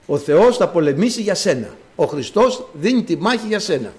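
A man's voice: sits high, big pitch swings, a little mellow. A man preaching a sermon to his congregation, dramatic and full of rhetorical questions.

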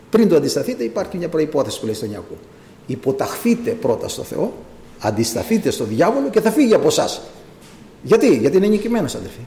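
A man delivering an impassioned sermon as a visiting preacher, his pitch swinging widely as he rises to emphatic cries. His voice is gravelly and mellow. It rings through an echoey church hall. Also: a little hiss or hum.

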